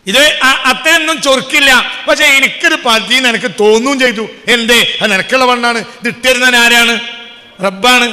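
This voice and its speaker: A man preaching a religious sermon, firing rhetorical questions at his listeners and swinging from soft talk to shouting. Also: extremely high pitch, long reverb tail.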